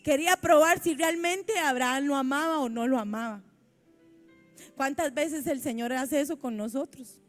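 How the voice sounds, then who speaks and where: A woman's voice: high voice, moderate pace, soft background music. A woman with a Costa Rican accent preaching a sermon in a church, reading scripture aloud and commenting on it fervently.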